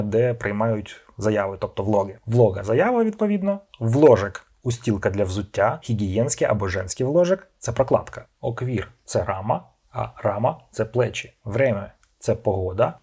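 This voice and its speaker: Man, husky, lowish voice, scripted lesson narration, word-then-meaning pairs. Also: darkish tone. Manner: reads word and meaning in short paired phrases. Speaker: language channel host. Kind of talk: scripted vocabulary lesson voice-over.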